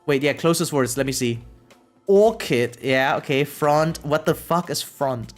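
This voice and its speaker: Thinking aloud during a casual live stream, a game streamer with a mid-pitched voice rambles along as background music plays. Thoughts are frequently capped with a quick "right?".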